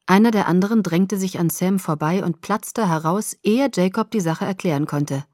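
A woman narrating a first-person story as an audiobook reader, with expressive scripted delivery. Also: fairly low pitch, normal speed, no room sound, studio quality.

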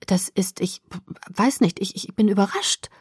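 A woman's voice: mid-range voice, measured pace, a little mellow, breathy edge, dry recording, clean studio sound. A woman reading a German story, voicing the nervous young girl who narrates it, hesitant and stammering.

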